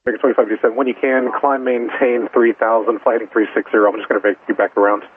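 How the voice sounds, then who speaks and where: An air traffic controller gives clipped procedural instructions to aircraft over aviation radio. His mid-range voice barely moves in pitch and comes rapid-fire, through tinny narrowband audio with faint static.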